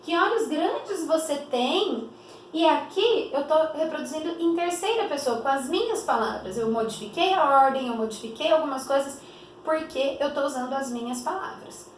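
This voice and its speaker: High-voiced woman teaching, echoey room. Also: recorded from a distance, slight background noise. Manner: didactic, stretches example phrases slowly, many rhetorical questions. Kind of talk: explanatory classroom lesson.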